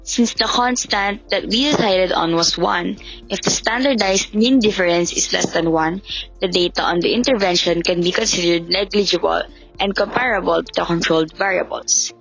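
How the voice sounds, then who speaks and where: A woman's voice: on the low side, moderate pace, vocal fry, fairly bright tone, rough recording. A woman giving a scripted, infomercial-style explanation of student research findings. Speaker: student presenter. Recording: background music under the voice.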